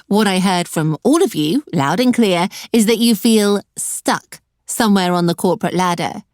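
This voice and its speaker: A woman's voice: mid-range voice, normal speed, a little mellow, dry recording. A middle-aged woman hosting an online career webinar, talking directly to her viewers with a dry, sarcastic edge. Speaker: webinar host and career coach.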